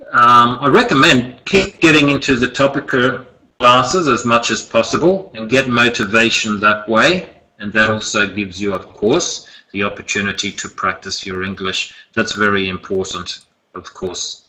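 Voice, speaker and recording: A man teaching an online English lesson over a video call, relaxed and encouraging, often checking in with "okay?". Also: mid-range voice, a little slow, low-quality recording. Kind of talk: online lesson, recapping and giving homework.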